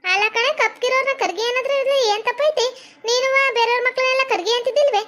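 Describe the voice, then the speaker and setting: Mocking old mother-in-law, put on by a woman, pitched higher, quick bright voice. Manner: scolding, mocking. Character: sharp-tongued old mother-in-law, grandmother.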